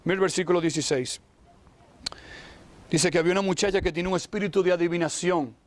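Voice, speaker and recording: A high-pitched man delivering a lively sermon. He stops to put questions straight to his listeners and breaks into short acted-out voices of the people in the story. His delivery is animated and full of exclamations. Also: fast. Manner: animated, acts out voices of Bible figures; exclaims "wow" often, asks listeners direct questions. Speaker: pastor.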